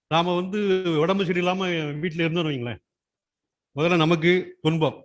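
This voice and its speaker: A man with a fairly high voice addresses a school gathering on yoga day. He talks in a steady explanatory way, often asking a question and then answering it himself. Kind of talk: explanatory public speech. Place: school function.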